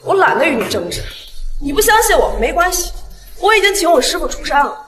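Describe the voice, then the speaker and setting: Proud middle-aged doctor, fast and scolding; roomy hall, crowd behind. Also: female voice, very high voice, very animated, very noisy. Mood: dismissive. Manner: haughty, scolding. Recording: echoey hall with murmuring crowd.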